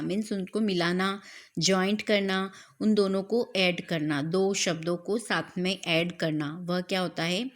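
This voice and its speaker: Woman teacher quizzing herself aloud. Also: on the low side. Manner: repeats points, asks and answers her own questions; mixes English words into Hindi. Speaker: Hindi grammar teacher. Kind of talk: classroom lesson explanation.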